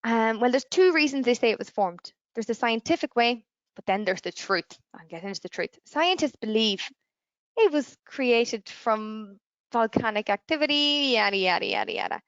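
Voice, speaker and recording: A young woman presents trips in a gushing, bubbly manner over a video call. Her voice sits on the higher side. The sound is lo-fi and dry. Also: lively intonation, moderate pace, no room sound. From Northern Ireland. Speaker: travel presenter. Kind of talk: online travel showcase presentation.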